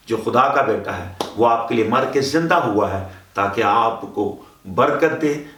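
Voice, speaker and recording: A man's voice: mid-range voice, fairly bright tone. A man preaching as a pastor, reading scripture and repeating words with emphasis, mixing English phrases into his sermon. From Pakistan. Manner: preaching in Urdu-Hindi mixed with English phrases. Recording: echoey room, voice heard from a distance.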